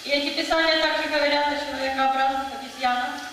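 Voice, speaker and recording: A woman's voice: high-pitched, level tone, fast talker. A woman interpreting a public lecture consecutively, delivering it in short phrases. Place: museum lecture hall. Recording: echoey hall, distant mic, noisy.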